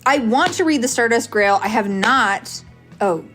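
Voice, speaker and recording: A woman giving casual, opinionated vlog commentary on books in an animated, emphatic way, with music behind her. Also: fairly high pitch, measured pace. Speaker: book reviewer with a video channel.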